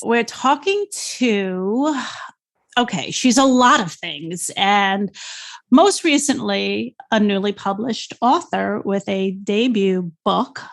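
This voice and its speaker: A woman in her sixties with a New York accent, hosting a podcast in an enthusiastic, chatty way. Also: on the high side. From New York State. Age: 60s. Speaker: podcast host. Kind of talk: upbeat podcast intro and interview.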